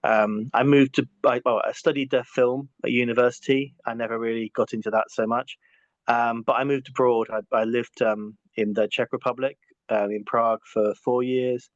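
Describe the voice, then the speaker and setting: In muffled, lo-fi audio with no echo, a lowish-voiced middle-aged man from England answers questions in a relaxed interview. His speech is hesitant, full of restarts and repeated words.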